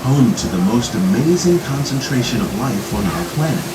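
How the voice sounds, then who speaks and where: A man giving scripted ride narration in a measured, announcer-like way, played over a loudspeaker. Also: mid-range voice, lively intonation. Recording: echoey loudspeaker from far off, loud noise.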